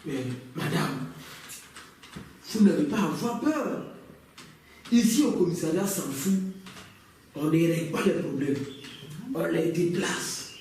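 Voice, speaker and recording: An actor with an Ivorian French accent playing a flirtatious police officer who drawls and hesitates with "euh". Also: male voice, fairly high pitch, expressive, a little mellow, a little hiss or hum. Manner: slow, drawn-out, with hesitant "euh"s. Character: smooth-talking, flirtatious male police officer. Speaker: police adjudant. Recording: echoey room, distant mic, faint ambience.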